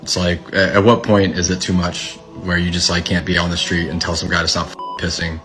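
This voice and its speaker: Angry low-voiced man venting. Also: level tone, bright, forceful tone, soft background music. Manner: frustrated, swearing, halting restarts. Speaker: shop owner recounting an assault.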